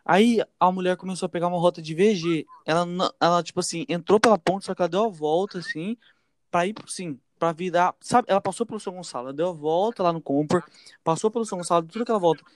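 A young man, telling a story casually to friends in a lively, chatty way. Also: high voice, no echo, clean studio sound. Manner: fast, animated, addresses listeners as gente and velho.

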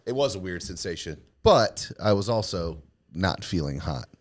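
Male podcast co-host, very low voice, dry close sound, rambling storyteller who laughs through his stories. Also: expressive, moderate pace, no room sound. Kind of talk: casual storytelling chat.

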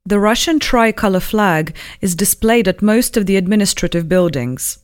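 A woman presenting a radio program, reading scripted news narration in a measured, formal way. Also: mid-range voice, lively intonation.

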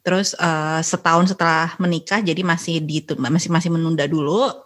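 A woman guest on a podcast, talking in a chatty, relaxed way with many fillers. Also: low voice, fairly quick. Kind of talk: casual conversation.

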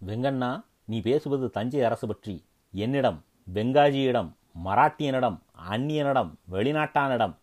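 A man voicing a wary, ambitious foreign warlord who speaks in a guarded, questioning, softer way, in a dramatic story reading. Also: medium pitch, unhurried, natural voice.

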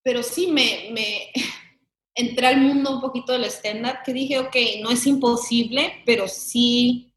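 A woman's voice: fairly high pitch, fairly even intonation, unhurried. A young Mexican woman, a comedy sketch creator, chatting animatedly as an interview guest, often laughing. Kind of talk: casual interview chat. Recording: echoey room.

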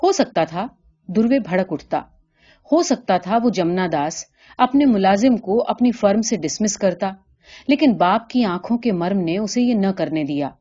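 A woman reads a literary story aloud in a calm, measured way. Her tone is mellow and dark, and the recording sounds slightly dull and lo-fi. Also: mid-range voice. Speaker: narrator. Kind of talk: story reading.

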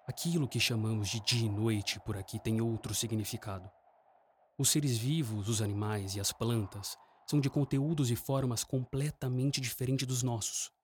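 An actor playing an earnest Arctic explorer leading an expedition in a radio drama. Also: male voice, on the low side, close to an everyday voice. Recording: clearly noisy background ambience.

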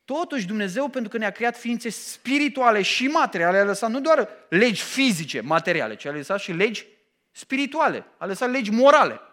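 A middle-aged man preaching a sermon, emphatic and animated, often pausing to ask his listeners questions. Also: high-pitched. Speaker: pastor.

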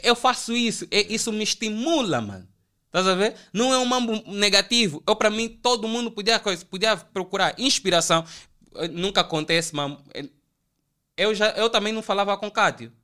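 A young man from Angola with an Angolan Portuguese accent, telling animated, slangy stories as a podcast guest. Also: high-pitched, a little fast. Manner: animated, slangy, acts out quoted voices. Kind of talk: casual storytelling chat.

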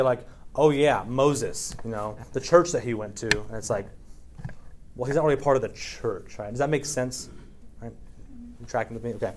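A man's voice: mid-range voice, darkish tone, slight background noise. A man preaching in a casual, conversational way, reading scripture aloud and often checking in with his listeners. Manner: casual, keeps checking in with "right?"; frequent fillers, reads scripture aloud. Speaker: preacher teaching a Bible study. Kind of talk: conversational sermon.

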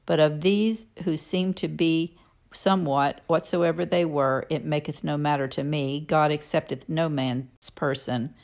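Low-voiced woman solemnly reading scripture aloud. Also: fairly even intonation, unhurried, a little mellow. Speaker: scripture reader.

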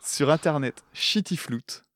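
A man co-hosting a casual music podcast, animated, laughing often and swearing casually as he reviews song covers. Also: fairly high pitch, unhurried, no room sound, clean studio sound. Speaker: podcast co-host; schoolteacher.

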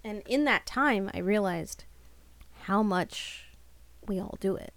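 A woman's voice: mid-range voice, slow pace, vocal fry, a bit bright, dry recording. A woman co-hosting a podcast in casual chat, talking in a chatty way full of "like" fillers. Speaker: podcast co-host.

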